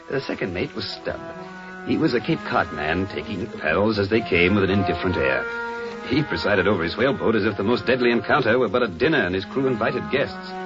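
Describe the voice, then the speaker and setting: A man's voice: lowish voice, lightly acted. An actor playing an earnest young sailor who narrates his whaling voyage in literary, dramatised audio drama style. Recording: dull lo-fi radio drama, loud music.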